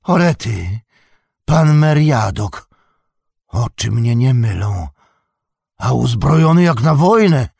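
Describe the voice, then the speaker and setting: A man's voice: mid-range voice, lively intonation, measured pace, no echo, studio quality, voice pushed up. A man voicing a timid, anxious old male hobbit gatekeeper in an audiobook, fretful and pleading. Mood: nervous. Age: older.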